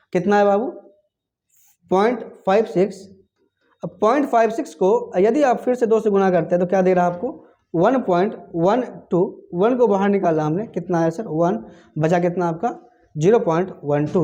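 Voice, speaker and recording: A man teaching a lecture in a dark, mellow voice, tossing out questions and answering them in the same breath. He recites multiplication tables in a sing-song chant. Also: high-pitched. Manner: call-and-response questioning, answering his own questions. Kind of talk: classroom lecture.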